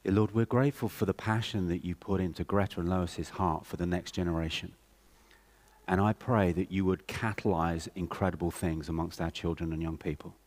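A man's voice: low-pitched, fairly even intonation, fairly quick, darkish tone. A man at a church service making an announcement and then praying fluently and earnestly for two new team members. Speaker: church leader. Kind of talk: announcements and spoken prayer.

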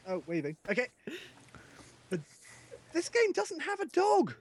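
Squealing, excitable British man. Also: very high voice, unhurried, slight background noise. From Britain. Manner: gushing, excitable storyteller who squeals with delight. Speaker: podcast co-host. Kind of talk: casual gaming podcast chat.

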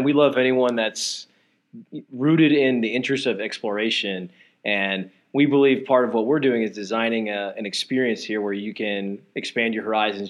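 A man appearing as a podcast guest, speaking in a relaxed, friendly way with frequent fillers in a coworking space. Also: mid-range voice. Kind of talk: casual interview.

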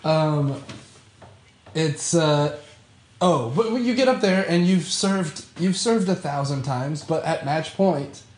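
Higher-voiced man, halting, echoey room. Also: a little mellow, a little hiss or hum. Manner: halting, hesitant. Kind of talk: casual chat. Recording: roomy echo.

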